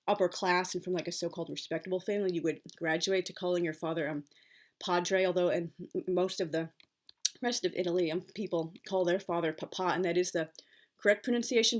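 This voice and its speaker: A woman with a Pittsburgh accent giving informal explanatory talk as a writer, in a halting, rambling and opinionated way. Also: lowish voice. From Pittsburgh, Pennsylvania, United States. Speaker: writer giving writing advice.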